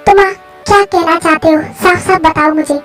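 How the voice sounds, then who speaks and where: A woman's voice: extremely high pitch, fairly even intonation, moderate pace, a bit bright, soft background music. A woman voicing a frightened, stubborn young woman in a fan story, refusing and anxious by turns.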